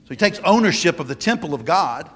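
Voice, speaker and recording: A man preaching a sermon with an emphatic delivery, often pausing and restarting phrases. His voice sits a little high for a man. A long reverb trails each phrase, as in a large church hall. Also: sing-song, fairly bright tone, husky. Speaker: pastor.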